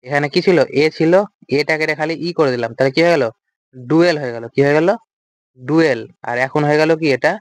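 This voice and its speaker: A man's voice: on the high side, fast talker, no echo. A man teaching an English vocabulary lecture, explaining step by step and asking and answering his own questions. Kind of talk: recorded lecture.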